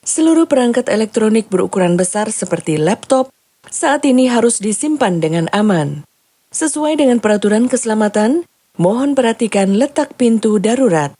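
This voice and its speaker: A woman's voice: a little high, lively intonation, a little fast, warm tone, husky, no room sound. A woman reading a scripted plane cabin announcement as the cabin announcer.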